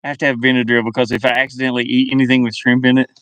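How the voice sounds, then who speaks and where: Speaking very fast in a flat, medium-pitched voice with a slightly bright edge, this livestream host mutters and rambles in choppy fragments. He's a middle-aged man talking casually to viewers from inside a van. His webcam audio is muffled but has no echo.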